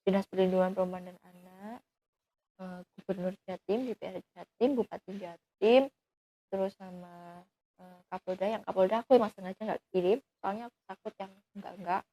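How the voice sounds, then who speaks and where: A woman's voice: medium pitch, fairly quick, dark tone, rough recording. A young woman, telling her own story as a guest in an earnest, pleading way that often trails off into fillers. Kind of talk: emotional personal account.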